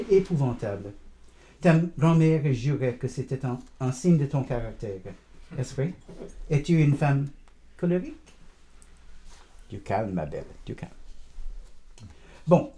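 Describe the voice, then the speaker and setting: Man reading as an old grandfather, very dark mellow voice, rambling and wry storyteller, audiobook narration. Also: medium pitch, close to an everyday voice. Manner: meandering, digressive, gently teasing. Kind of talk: first-person audiobook narration.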